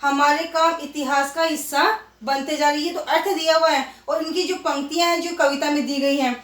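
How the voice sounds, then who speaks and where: A woman schoolteacher walks young pupils through a lesson, patiently drilling words and answering her own questions. Her voice sits high. She sounds set back from the mic in a roomy, echoing space. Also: steady tone, a little fast, recorded from a distance. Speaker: primary school Hindi teacher. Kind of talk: recorded online class lesson.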